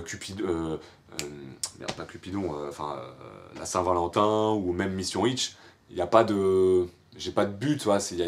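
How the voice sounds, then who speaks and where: A young man from France answering viewer questions in a casual, rambling way, full of fillers and slang. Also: deep voice. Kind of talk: casual FAQ monologue.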